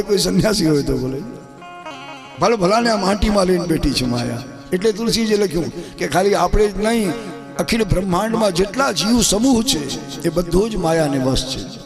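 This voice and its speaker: A man's voice: sits high, animated, moderate pace, creaky, over music. A man with a Gujarati accent giving a devotional sermon, telling a parable with rhetorical asides to the devotees. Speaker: Shiv Puran katha preacher.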